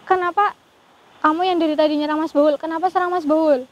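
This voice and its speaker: A woman's voice: high-pitched, steady tone, fast talker, poor audio. A woman hosting a ghost-hunting vlog, speaking fearfully and murmuring prayers as she goes. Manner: fearful, praying aloud often. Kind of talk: live paranormal investigation vlog.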